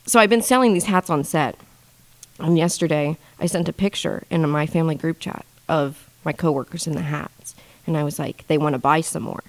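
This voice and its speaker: A woman in her twenties telling stories as a podcast guest, profane and rambling, with a deadpan delivery broken by bursts of laughter. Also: sits low. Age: 20s. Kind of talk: casual storytelling monologue.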